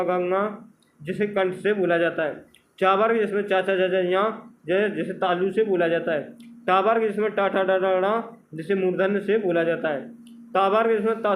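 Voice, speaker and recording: Guy teacher doing grammar prep, kinda high voice, asks then answers his own questions, stretches out letter sounds. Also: a little hiss or hum, low-quality recording. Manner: asks questions and answers them himself, repeating answers. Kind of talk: exam-prep grammar lesson.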